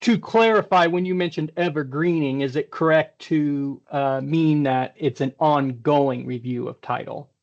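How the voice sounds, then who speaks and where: A man speaks over a video call, carefully questioning a witness in a formal hearing. He pauses often, and his voice sits a little high. The call audio is dull and lo-fi. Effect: heard over a video call. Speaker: technical examiner at a hearing.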